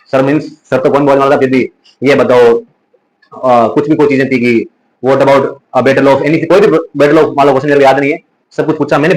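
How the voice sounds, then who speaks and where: A man's voice: mid-range voice, low-quality recording. A young man with a Rajasthani accent teaching an exam revision lesson, drilling facts by asking and answering the same questions again and again, with chatty story asides. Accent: Rajasthani Hindi. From Rajasthan, India.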